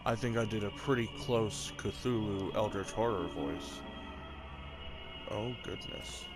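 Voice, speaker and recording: A man's voice: lowish voice, slow pace. A man giving casual, reactive gameplay commentary, informally talking to himself and to the game as he plays. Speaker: gamer. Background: game music.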